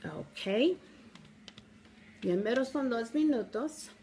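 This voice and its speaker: A middle-aged woman with gives a casual, halting step-by-step product demo, recorded on a phone at arm's length at home. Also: a little high, animated, dark tone, soft background music. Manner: halting, simple step-by-step instruction. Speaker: product demonstrator. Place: small room at home, indoors.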